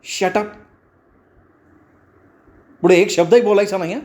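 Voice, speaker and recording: Guy voicing an angry young bride, squeaky and high, snapping orders. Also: normal speed, close to an everyday voice. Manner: sharp, commanding outbursts.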